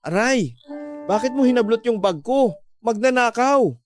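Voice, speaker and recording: A man voicing a frightened young woman who shouts accusations in shrill panic. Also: normal speed, music in the background, natural voice. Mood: alarmed.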